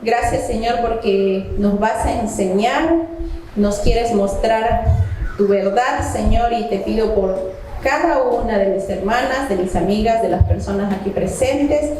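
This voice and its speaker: High-voiced woman in an echoey hall. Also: unhurried, warm tone, a little hiss or hum. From Santo Domingo, Ecuador. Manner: addresses the audience directly with questions. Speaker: women's conference speaker. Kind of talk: Bible teaching and prayer. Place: church hall.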